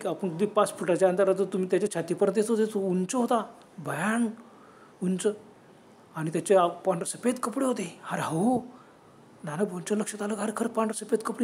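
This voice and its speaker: A man's voice: high voice, a little mellow, slight background noise. A man narrating a horror story dramatically, dropping into whispers at the scary moments.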